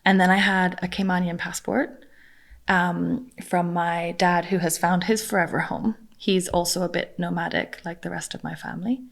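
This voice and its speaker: Woman, young adult, from Costa Rica, podcast guest, low pitch, gravelly fry, chatty, self-deprecating. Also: fairly even intonation, moderate pace. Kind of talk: casual interview conversation.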